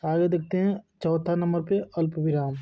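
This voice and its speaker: A man's voice: fairly high pitch, fairly even intonation, normal speed. A man teaching a lesson, asking questions and answering them himself. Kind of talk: classroom lesson. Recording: dull lo-fi recording.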